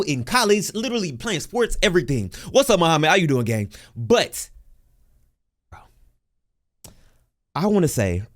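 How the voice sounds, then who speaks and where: A man giving casual live reaction commentary, with loud, animated interjections. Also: a little high. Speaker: reaction streamer.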